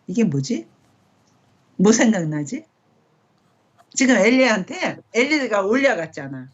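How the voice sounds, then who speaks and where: A middle-aged woman leading a casual Bible study. She talks in a conversational way and often checks in with quick rhetorical questions. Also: mid-range voice, very animated, dull audio.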